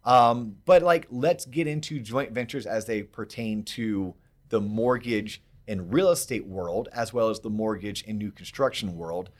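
A podcast host speaks in a fairly low male voice at a measured pace. He explains things casually but emphatically, checking in with listeners through rhetorical questions.

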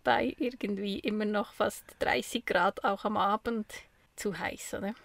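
A woman chats casually as a podcast co-host. Her mid-pitched voice has plenty of creak, and it is recorded close and dry, with hardly any room. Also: steady tone, measured pace, no echo. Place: small camper van used as studio.

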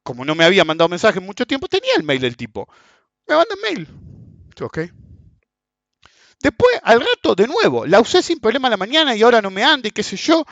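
Talking fast with huge pitch swings and frequent pauses, this market commentator has a high, somewhat bright voice. He's a Rioplatense Spanish-accented man in his forties, ranting crudely and bluntly in an offhand monologue and tossing in "ok?" again and again. There's no room sound, and the lo-fi audio is dull and dry.

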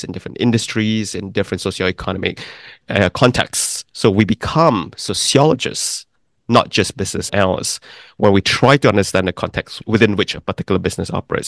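A middle-aged Malaysian man, the founder of an investment firm, answers interview questions as a guest in a fairly low voice. He is calm, deliberate and explanatory, laying out his points in careful sequence. The sound is dry and close, with almost no room echo.

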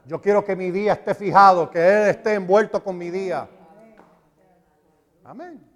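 A man preaching a sermon, animated and emphatic, repeating phrases for stress. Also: high-pitched, moderate pace. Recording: reverberant hall.

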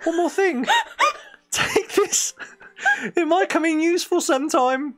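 A man voicing a friendly, chatty male skunk hermit in a high, excited voice for a game-book reading, with faint music behind. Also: unhurried. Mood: eager. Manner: high, bright and excited with breathy laughs.

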